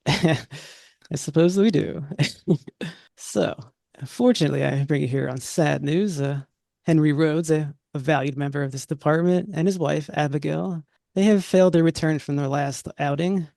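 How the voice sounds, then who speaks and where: A man running a tabletop horror game, speaking for a university official in a relaxed, conversational way. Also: fairly high pitch, moderate pace, vocal fry, no room sound, studio quality. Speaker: game master. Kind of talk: narrating and voicing characters in a tabletop game.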